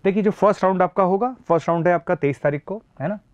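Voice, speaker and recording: A man with a sore throat and a high, smooth voice talks fast while teaching how an admissions process works, repeating key points with emphasis and mixing in phrases. The explanatory lesson has no room sound and lo-fi audio.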